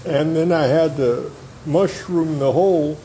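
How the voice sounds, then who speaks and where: An older man who is the host's father, muttering and swearing gruffly while he works on a vehicle in a garage. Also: on the high side, measured pace, mellow, a little hiss or hum, rough recording. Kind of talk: casual chat while fixing a vehicle.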